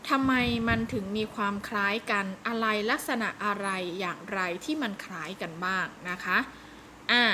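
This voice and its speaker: A woman's voice: medium pitch, bright, forceful tone, slight background noise. A woman teaching a recorded lesson to young primary pupils, explaining patiently and step by step. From Thailand. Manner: patient, explains step by step with frequent polite particles.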